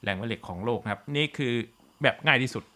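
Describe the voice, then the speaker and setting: A man's voice: medium pitch, lively intonation, quick pace, sharp tone. A man teaching a physics class online, switching between Thai and English, with many "uh" fillers and a habit of checking in with "okay?".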